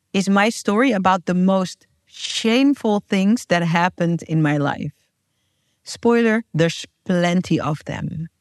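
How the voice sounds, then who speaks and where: An earnest woman whose first language is Dutch speaks in a lowish voice, heartfelt and emphatic, across a scripted podcast intro and casual chat as host and guest. The recording is dry and studio quality.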